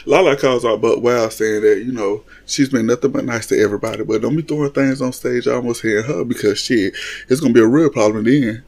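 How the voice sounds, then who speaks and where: A man's voice: medium pitch, a little fast. Profane laughing man recapping reality TV. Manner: animated, laughing, profane, mimics cast members. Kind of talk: casual recap commentary.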